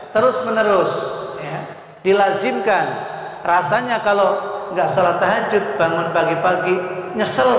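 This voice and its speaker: A high-voiced man gives a lively sermon to a congregation. He slips into short acted-out complaints and pushes the point home, and the sound rings with heavy echo and a long reverb from a big hall. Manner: lively, acts out everyday complaints in quoted asides. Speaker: preacher. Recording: very echoey hall.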